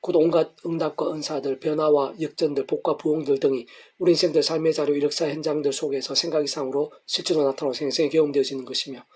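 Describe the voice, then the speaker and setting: A man's voice: a little high, little pitch movement, quick pace, few pauses, a little mellow, breathy edge. A middle-aged man pastor reading a devotional sermon in long, flowing, earnest sentences.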